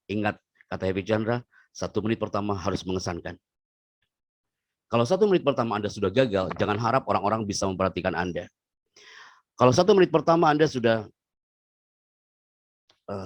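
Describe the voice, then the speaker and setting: A man giving a lively online public speaking seminar over a video call, playful and swinging between loud and hushed delivery. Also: lowish voice, dry recording.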